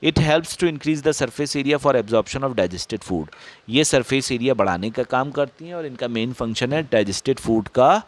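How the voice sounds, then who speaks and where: A man with an Indian accent teaches biology, reading English slowly and deliberately before he explains in Hindi. His voice is recorded dry and close, with no room sound. His pitch sits in a middle range. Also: no echo. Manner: dictates English sentences slowly, then explains faster in Hindi.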